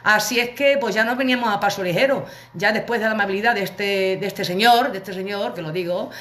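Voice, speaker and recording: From her living room, a livestream host tells viewers a casual, comic anecdote in a chatty, colloquial way, acting out the quotes. Her voice is bright yet lowish.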